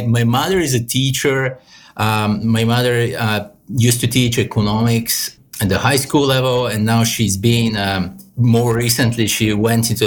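A man, answering interview questions hesitantly with many fillers. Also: mid-range voice. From Bulgaria. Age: 30s. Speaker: guest, real estate investor.

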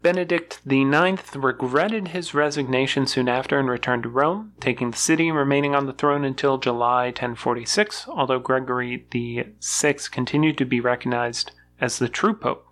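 A podcast co-host reading a history summary aloud in an even, casual way, with occasional fillers. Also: medium pitch, moderate pace, hardly any pauses, a little hiss or hum.

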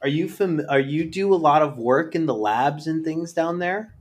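A man playing a tabletop game, measured and inquisitive. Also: fairly high pitch, very noisy. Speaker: player. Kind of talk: casual tabletop role-play.

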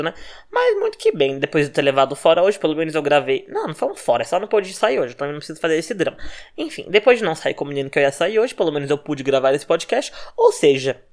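Young Brazilian man with a Brazilian Portuguese accent, solo podcast host, talks fast, swings his pitch all over, swears freely. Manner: fast-talking, animated and profane. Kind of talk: casual solo podcast rant.

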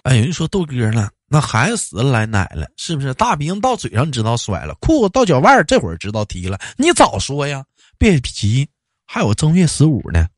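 A man's voice: mid-range voice, wildly swooping pitch, a little fast, dry recording. A man with a Northeastern Chinese accent hosting a talk show in a colloquial, comic ranting style full of rhetorical questions. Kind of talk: casual comic rant and banter.

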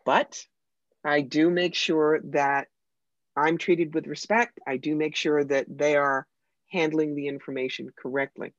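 An American psychic medium talks in an animated, emphatic way with a dry wit. The voice sits in the middle register. The sound is dry and slightly dull, like a modest lo-fi recording. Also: medium pitch, a little slow, no room sound. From United States. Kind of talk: conversational interview storytelling.

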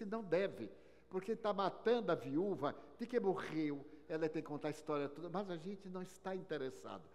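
An older man giving an inspirational lecture, telling stories with wry humor and big swings between loud and soft. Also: fairly high pitch. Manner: storytelling with wry humor, sweeping swings in loudness. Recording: long reverb of a large hall.

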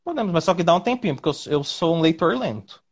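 Guy from brazil on a video call, talks super fast and lively, rambling lawyer chat. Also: on the high side, husky. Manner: animated, rambling, quick asides. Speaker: lawyer guest.

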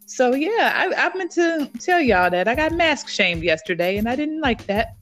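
Woman co-host, lively, pitch swings up on punchlines, faint music bed. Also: normal speed. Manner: animated storyteller, lively pitch jumps. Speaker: podcast co-host. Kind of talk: casual chat.

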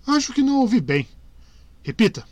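A man's voice: very high voice, sing-song, a little fast, dry recording, voice pushed up. A man voicing a grim middle-aged male witcher who gives short, commanding orders, in a dry close recording. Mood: stern.

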